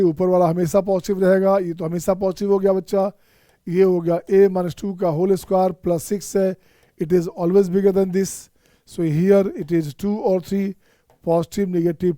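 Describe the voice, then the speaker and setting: Coaxing Indian math teacher, warm voice. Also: male voice, high voice, dry recording, studio quality. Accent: Indian English. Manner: coaxing, repetitive, addresses students as children. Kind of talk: online exam-prep lecture.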